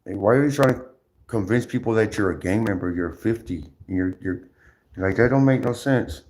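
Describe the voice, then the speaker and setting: On his livestream, a man rants casually, rambling and repeating himself with plenty of slang, swearing, and halting restarts. His voice is fairly low in pitch with a darkish tone.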